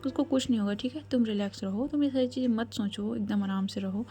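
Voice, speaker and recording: A woman voicing a gentle, middle-aged mother who soothes and advises her daughter in a spoken love story, in her own mellow voice. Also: a little high, fast talker, natural voice. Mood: soothing.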